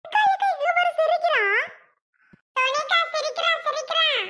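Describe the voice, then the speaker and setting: Little cartoon girl, chirpy and eager to help, high and bright-toned. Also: moderate pace. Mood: excited. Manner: chirpy, coaxing, reassuring. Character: helpful little girl, eager younger sister. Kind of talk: cartoon voice acting.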